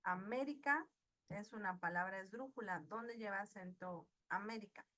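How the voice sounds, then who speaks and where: A woman's voice: medium pitch, moderate pace, bright, forceful tone. A woman teaching an online class, patiently asking her students questions and praising their answers. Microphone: video call.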